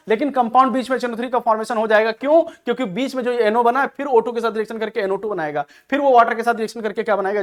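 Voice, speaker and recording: A man's voice: very high-pitched, a bit bright. A male chemistry teacher giving an exam-prep lecture. He keeps asking rhetorical questions and answering them himself, and calls his students "beta". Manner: addresses students affectionately as "beta".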